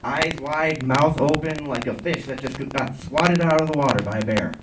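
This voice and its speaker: A man's voice: normal speed, recorded from a distance. A young man performing a stand-up comedy set on a theater stage, talking to the crowd with dry asides. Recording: low-quality echoey theater recording from afar. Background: audience laughter and noise.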